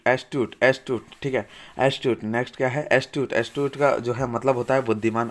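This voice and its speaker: A young man leads an English vocabulary class in Hindi, his voice sitting at an ordinary middle pitch. He says each word again and again and keeps asking the class what it means, then gives the answer himself. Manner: repeats each word and asks quiz-style questions. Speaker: teacher. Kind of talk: vocabulary lesson.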